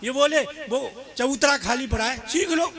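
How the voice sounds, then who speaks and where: A man's voice: very high voice, normal speed. A man reciting comic poems on stage, in a rhythmic sing-song manner, recorded live with crowd noise. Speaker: comic poet. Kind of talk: stage comedy poem recital.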